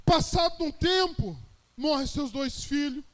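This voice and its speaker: A Brazilian man preaching a sermon, telling his own testimony and building to shouted praise. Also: very high voice, animated, unhurried. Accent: Brazilian Portuguese. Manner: testimony-style storytelling, rising to shouted praise.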